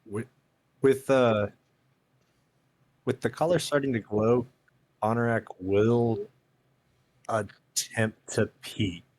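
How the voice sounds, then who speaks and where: A man playing in a tabletop game, stating his character's action in a halting, drawn-out way. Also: medium pitch, darkish tone. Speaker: player.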